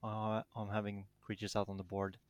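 A man's voice: fairly low pitch, completely flat delivery, moderate pace, no room sound, lo-fi sound. A man with a Danish accent answering interview questions casually, in a modest, hesitant manner. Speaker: interviewed tournament champion.

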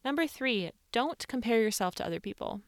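A woman's voice: on the high side, animated, a little fast, no room sound, clean studio sound. A young woman recording inside a small closet, giving earnest self-help advice in a chatty, casual way with many fillers. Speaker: self-help video host. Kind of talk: casual advice talk to camera.

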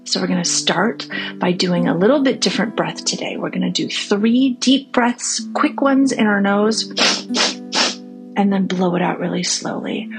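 A woman leads a guided meditation for families and children, speaking gently and reassuringly, at times softening into a breathy near-whisper. Her voice is medium-pitched and moderately paced, heard over music in poor-quality audio.

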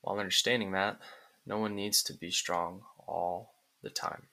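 A man narrating a guided relaxation script like a sleep story, in calm, soothing, deliberate phrases with pauses. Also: sits low, poor audio.

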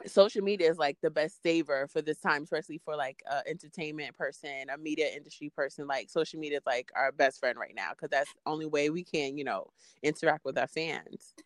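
Low-pitched woman. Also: fairly quick, hardly any pauses, no room sound, studio quality. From Queens, New York. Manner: informal, peppered with "like" and "you know". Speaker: interview guest, freelance podcaster. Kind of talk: casual conversational interview.

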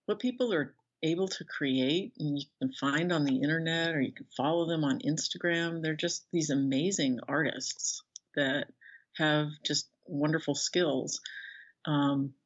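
In a relaxed interview captured on somewhat dull, lo-fi audio, a middle-aged woman with a low voice talks about her work as an author and illustrator. She meanders through her ideas hesitantly, frequently breaking off and restarting sentences, in a conversational manner.

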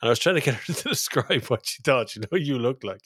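A man co-hosting a motoring podcast, jokey and animated in casual chat and quick to laugh. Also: medium pitch, husky, no echo, studio quality. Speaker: podcast co-host, motoring journalist.

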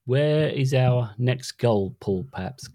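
A man's voice: medium pitch, expressive, slow pace, dark tone, dry recording, studio quality. A middle-aged man co-hosting a podcast in casual chat, easygoing and chatty. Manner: chatty, easygoing, with stumbles and restarts. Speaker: podcast co-host.

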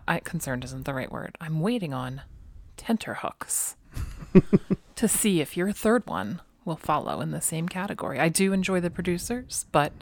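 Playful woman co-host, lowish voice. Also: no echo. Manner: playful, enthusiastic, quick asides. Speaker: podcast co-host. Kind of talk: casual chat.

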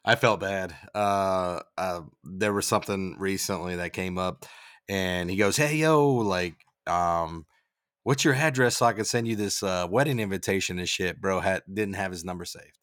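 A man's voice: low-pitched, normal speed, a bit bright, dry recording, studio quality. A man co-hosting a podcast in casual chat, cracking jokes with crude language. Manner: wisecracking, profane, laughs often. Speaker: podcast co-host.

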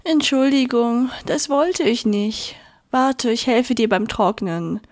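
A lonely, clumsy sun from a storybook, sighing and full of self-pity, as a woman reads her. The voice sits a bit high and sounds plaintive, keeping to a gentle bedtime pace. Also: takes it slowly. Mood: apologetic.

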